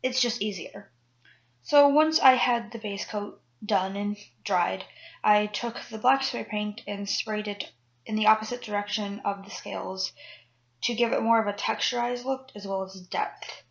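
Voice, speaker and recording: A woman's voice: medium pitch, fairly even intonation, a little slow, creaky, highs cut off. A woman cosplay vlogger talking through a costume build in a chatty, rambling way, mocking herself and swearing casually. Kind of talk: casual chat and voiceover tutorial.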